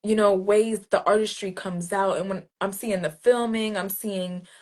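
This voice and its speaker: In this interview, a New Jersey-born woman poet speaks at a normal pace with a medium-pitched voice. She spins casual, animated stories and acts out greetings from the street using other voices.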